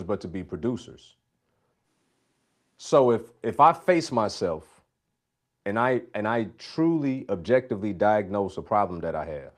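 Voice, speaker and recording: A man hosting a live Q&A, talking emphatically in a preacherly coaching style and repeating his key phrases. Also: fairly low pitch. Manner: preacherly, faith-based coaching. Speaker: host. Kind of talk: live Q&A talk.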